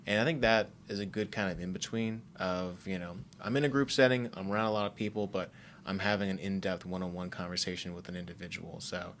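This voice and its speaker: A man with a very low voice talks through his thoughts on a casual faith podcast, circling back with lots of fillers. There is a faint hiss of noise behind him. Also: fairly even intonation, fast talker, hardly any pauses, fairly bright tone. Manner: rambling, thoughtful, many fillers. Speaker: podcast co-host.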